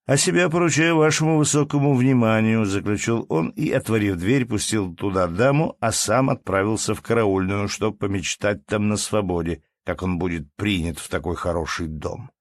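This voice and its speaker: A man reads a classic story aloud in a measured, even manner. His voice sits fairly low. The recording is dry and close. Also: no room sound. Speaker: audiobook narrator. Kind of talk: scripted literary narration.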